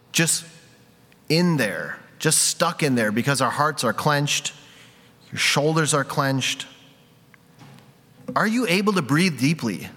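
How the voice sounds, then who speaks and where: Bright-voiced man preaching in a hall. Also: a little high. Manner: candid, confessional storytelling with self-deprecating laughs. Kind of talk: sermon. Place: church sanctuary. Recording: long reverb of a large hall.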